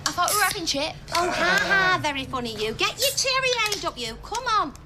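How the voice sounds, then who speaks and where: High-voiced teasing soap daughter, very noisy. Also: female voice, expressive, brisk. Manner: teasing, bossy. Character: chirpy, bossy, teasing daughter. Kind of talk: naturalistic TV soap acting. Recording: very noisy room with clicks.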